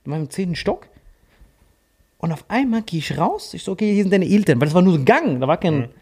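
A man's voice: on the high side, big pitch swings, fast, darkish tone, slightly rough. Joking man in his forties telling a rambling story. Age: 40s. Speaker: podcast co-host. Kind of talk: casual comedic storytelling.

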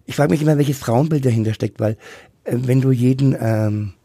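A middle-aged man with a husky, gravelly voice, talking candidly and haltingly as an interview guest. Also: mid-range voice, dark tone, no echo. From Franconia, Germany. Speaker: interview guest, drag queen and queer activist.

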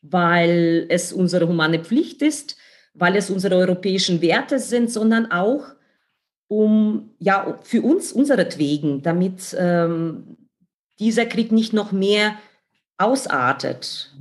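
Earnest woman from Ukraine, measured. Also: fairly low pitch. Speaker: interview guest. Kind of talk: conversational interview.

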